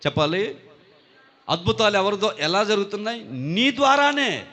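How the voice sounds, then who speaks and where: A man preaching a sermon, swinging from loud cries to hushed lines. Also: high voice, animated, moderate pace. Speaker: pastor.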